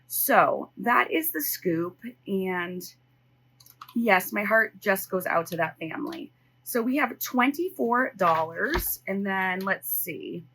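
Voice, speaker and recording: Her voice is mid-range, pushed and bright, captured in a rough recording. She's a middle-aged American budgeting vlogger in her home office, counting cash and casually thinking aloud to viewers without a script.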